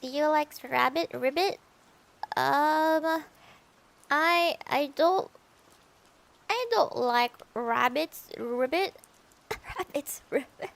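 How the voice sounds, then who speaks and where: Woman playing a jittery frog streamer girl, high-voiced, unhurried, tags "ribbit" on every line. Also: creaky, fairly bright tone, exaggerated voice. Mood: nervous, playful. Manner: tacks "ribbit" onto sentences. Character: nervous frog VTuber girl who croaks "ribbit".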